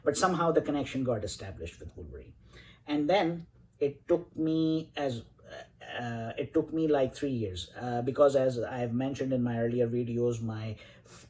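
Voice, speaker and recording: A man in his forties from Saudi Arabia talks through his comic collection, rambling with enthusiasm. His voice is mellow and warm. A faint hiss sits under the recording. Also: medium pitch, low-quality recording. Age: 40s. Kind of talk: casual collection showcase.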